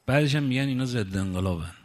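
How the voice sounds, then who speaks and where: A man's voice: mid-range voice, expressive. A man from Khuzestan in Iran preaching a fiery, indignant sermon full of rhetorical questions. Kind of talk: impassioned sermon.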